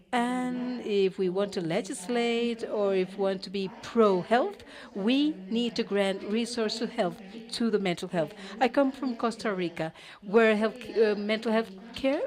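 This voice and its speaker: A woman interpreting a conference panel live, halting, with cut-off words and restarts. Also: a little high, darkish tone. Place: conference auditorium.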